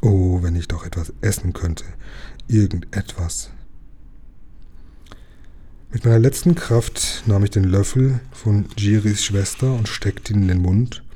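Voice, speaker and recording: A man reading a children's novel aloud as a first-person narrator, calm and measured. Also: on the low side, a little hiss or hum. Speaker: reader.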